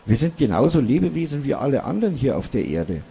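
A man's voice: mid-range voice, big pitch swings, quick pace, vocal fry, warm tone, a little hiss or hum, voice pushed up. A man voicing a small, cheeky old male dwarf who lectures humans about themselves. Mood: lecturing.

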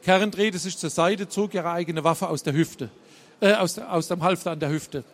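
A man reading and retelling a thriller, halting with many fillers and self-corrections. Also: high voice. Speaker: storyteller.

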